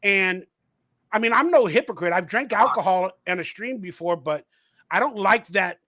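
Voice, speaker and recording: A man's voice: sits high, moderate pace, pushed and bright, no room sound. A man hosting a casual fan livestream, talking animatedly and acting out quotes as he tells stories, swearing freely. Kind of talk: casual chat.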